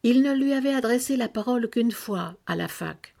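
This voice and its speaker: Gravelly-voiced woman reading a novel. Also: on the high side, moderate pace. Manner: expressive storytelling with sharp rises. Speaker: narrator. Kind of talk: literary reading aloud.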